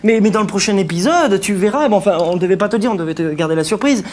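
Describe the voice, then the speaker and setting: A woman acts an envious comic schemer who wheedles and stammers with false politeness. Her voice is mid-pitched, with faint noise behind. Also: lively intonation, fast, a little mellow, close to an everyday voice. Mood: cajoling. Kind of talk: comic audio serial acting.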